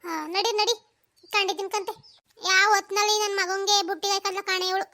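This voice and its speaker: A woman voicing a sharp-tongued village mother-in-law who curses and wails loudly in a cartoon. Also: extremely high pitch, flat delivery, fairly quick. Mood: bossy angry. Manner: loud cursing rants, wailing complaints. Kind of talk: cartoon voice acting.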